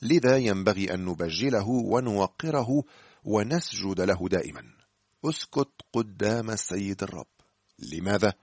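A man giving scripted radio Bible teaching, speaking to the listener in a measured, earnest way. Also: lowish voice, expressive, a little mellow, breathy edge, dry recording.

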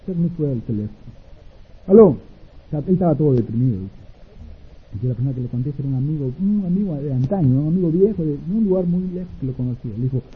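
A man preaching a sermon who acts out an anecdote in many voices, swinging between soft and loud. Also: a little high, animated, fast talker, slightly rough. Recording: dull lo-fi recording.

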